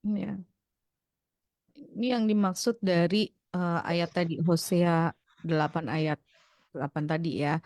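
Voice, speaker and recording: A woman's voice: lowish voice, fairly even intonation, a little slow, long pauses, a little mellow, no echo. A woman hosting a radio talk show, affirming and summarizing her guest's points. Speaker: radio host. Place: radio studio.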